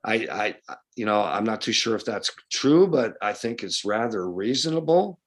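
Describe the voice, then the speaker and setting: A man's voice: on the low side, very animated, moderate pace. A man from western New York talking bluntly and casually as a fishing guide at a club meeting, with a folksy, opinionated way of speaking.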